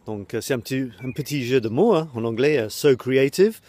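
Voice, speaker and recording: A man's voice: mid-range voice, fast, warm tone. A British man with an English accent, speaking in a casual direct-to-camera talk as an online course creator, hesitant, with many ums and restarts. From Britain.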